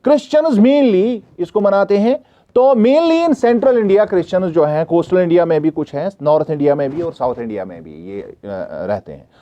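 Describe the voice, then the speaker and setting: A man from Kashmir, teaching a revision lesson, often checking if students follow and reading English questions out slowly. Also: fairly high pitch, expressive, mellow, lo-fi sound.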